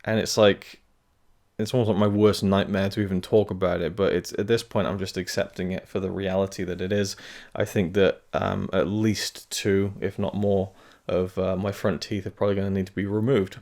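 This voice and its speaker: Speaking at normal speed in a low, darkish voice with vocal fry and a flat delivery, a film review channel host offers a casual update to camera. Nursing tooth pain, he picks his words carefully, rambling hesitantly through plenty of fillers and restarts.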